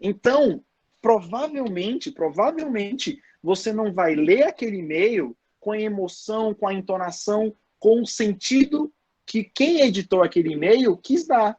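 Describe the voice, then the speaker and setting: A man's voice: high voice, expressive, normal speed, a little mellow, dull audio. Chatty man lecturing. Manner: chatty, addresses students, repeats for emphasis; frequent restarts and filler "é". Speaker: professor. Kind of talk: live online lecture.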